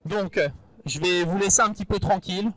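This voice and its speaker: A man's voice: sits high, fairly quick, fairly bright tone, no room sound. A man commentating a live chess event, bantering and joking with members of the audience over a handheld microphone.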